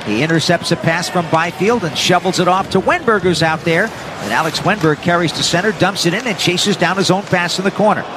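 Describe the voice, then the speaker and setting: A North American man calling live ice hockey play-by-play for radio in an energetic, descriptive running style. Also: sits high, a little fast, noisy background. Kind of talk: live sports play-by-play commentary.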